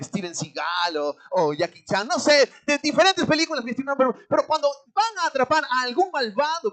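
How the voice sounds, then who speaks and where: A preacher with a Peruvian accent gives a dramatic sermon, asking the congregation rhetorical questions and often calling out "my dear brother", with sudden swings between loud and hushed. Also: mid-range voice. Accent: Peruvian Spanish.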